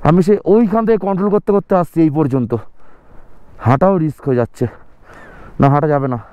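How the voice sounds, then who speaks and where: A man's voice: fairly high pitch, lively intonation, fast, warm tone, smooth, no echo, rough recording. A man filming a motorcycle travel vlog outdoors on a snowy mountain road, commenting anxiously on the slippery ice. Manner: breathless, alarmed commentary on slippery icy road. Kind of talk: casual travel vlog narration.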